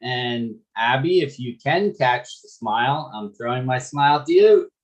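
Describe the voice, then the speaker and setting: A man from Florida joins a group video call and gives a quick, upbeat introduction. His pitch sits in the middle range for a man. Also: lively intonation, muffled recording. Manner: brief, upbeat self-introduction. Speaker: meetup participant.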